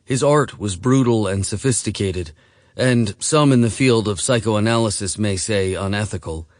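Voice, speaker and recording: Low-voiced male audiobook narrator. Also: moderate pace, no room sound, studio quality. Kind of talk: scripted narration.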